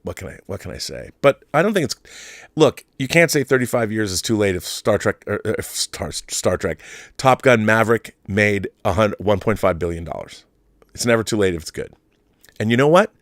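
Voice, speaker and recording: This livestream host speaks in a fairly low, animated, somewhat bright voice at a moderate pace, casually commenting and reading out comments and articles. He adds conversational asides and repeats phrases for emphasis. The sound is studio quality with no room sound.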